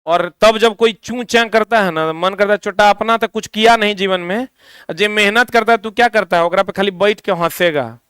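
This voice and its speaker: A male teacher leads a physics lesson, asking questions and slowly repeating the answers for students to write down. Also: sits high, fairly bright tone, smooth, no echo. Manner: drifts into stern ranting.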